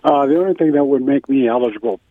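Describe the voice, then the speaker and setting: A man's voice: mid-range voice, fast, dry recording. A man in his sixties calling in to a radio talk show, heard over the phone, speaking plainly with a slight hesitancy. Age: 60s. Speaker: radio call-in caller. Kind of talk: casual call-in chat. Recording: tinny dry phone line.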